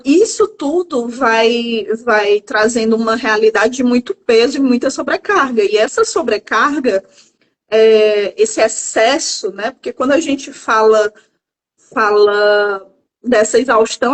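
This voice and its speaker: Calm, measured Brazilian woman, higher voice. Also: rough recording. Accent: Brazilian Portuguese. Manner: calm, measured, often pausing with "é" and "né". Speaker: psychologist guest. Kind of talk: reflective live-stream conversation.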